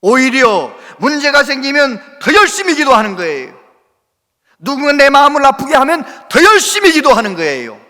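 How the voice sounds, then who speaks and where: A man preaching a sermon as a pastor, impassioned and swinging between loud exhortation and hushed speech, often asking the congregation questions. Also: extremely high pitch, sing-song, normal speed, big-room sound. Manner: asks the congregation questions and calls for replies. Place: church sanctuary with long reverb.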